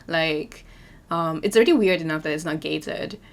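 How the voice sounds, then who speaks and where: A young woman with a hoarse voice, chatting and rambling as a voiceover for her game building video, full of fillers and restarts. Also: low voice, moderate pace. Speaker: Sims speed-build YouTuber.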